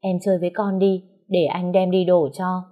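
A woman voicing a gentle, timid young husband who speaks softly and soothingly. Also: fairly low pitch, level tone, moderate pace, narrow, tinny audio, close to an everyday voice.

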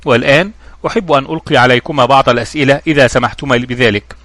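A man voicing a calm, shrewd young investigator in a storybook reading, with measured, questioning speech. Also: mid-range voice, no echo, natural voice.

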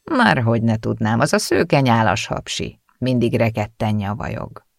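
A man voicing an easygoing middle-aged father who speaks softly and teases in a conciliatory way. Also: mid-range voice, expressive, creaky, no echo, clean studio sound. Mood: teasing. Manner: soft-spoken, teasing, conciliatory.

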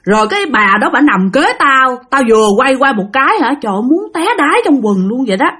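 A frightened man, voiced by a woman gasps out his story at a quick, rushed clip. His voice sits somewhat high with fear. Each phrase spills out breathless and urgent. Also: big pitch swings, bright, forceful tone, slightly rough, exaggerated voice. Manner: breathless, fearful retelling. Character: frightened male doctor telling a ghost encounter.

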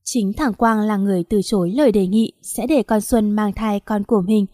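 A woman narrating a novel with a steady, even delivery and a middle-pitched voice. The recording is dry and close, with no room sound around her. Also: moderate pace, dry recording. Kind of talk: scripted audiobook narration.

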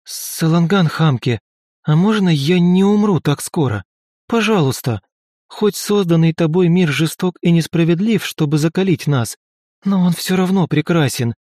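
A man voicing a fanatical young female devotee who speaks zealously and indignantly in a much higher voice. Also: lively intonation, moderate pace, a little mellow, no room sound, clean studio sound, close to an everyday voice. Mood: pleading.

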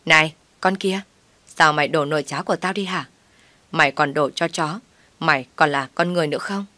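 Woman doing a shrill naggy old mother-in-law, loud and bossy, dry audio. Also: fairly quick, no echo. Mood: scolding. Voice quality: shrill, nagging.

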